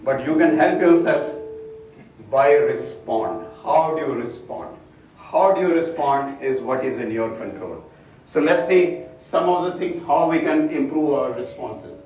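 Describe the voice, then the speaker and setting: A man's voice: on the high side, a little slow, darkish tone, faint music behind. A man leading an interactive workshop, questioning the room and explaining points. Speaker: workshop facilitator. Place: large echoey room with a group. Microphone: far from the mic. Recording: very echoey room, distant mic.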